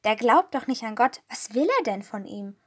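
A woman's voice: fairly high pitch, normal speed, natural voice. A weary, suspicious male disciple in a storybook, grumbling about a stranger. A woman reads him aloud in a lightly raised voice. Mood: wary. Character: Peter, grown male disciple, tired and wary.

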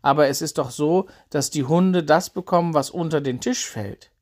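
A man's voice: a little high, moderate pace, a little mellow, natural voice. A man voicing a desperate foreign mother who begs for help for her sick daughter, in a spoken Bible story. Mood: pleading. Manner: urgent, begging.

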